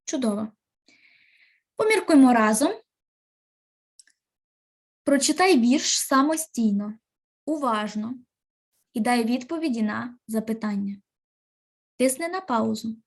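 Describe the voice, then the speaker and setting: A woman teacher, giving a recorded literature lesson with slow, clear instructions and pauses. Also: a little high, lively intonation.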